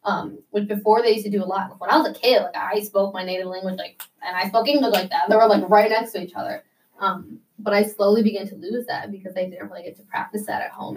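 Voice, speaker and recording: This young woman from the United States has an ordinary middle-range pitch and a darkish tone. She talks loosely and chattily in an interview, with many "like" fillers and little restarts. She's slightly set back, far from the mic, and the recording is rough.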